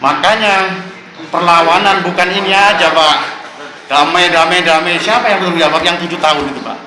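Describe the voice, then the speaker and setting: A man's voice: fairly high pitch, a little fast. A man, making an impassioned complaint at a council hearing and insistently addressing the officials as "Pak" after nearly every phrase. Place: council meeting room. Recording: echoey room with steady background noise.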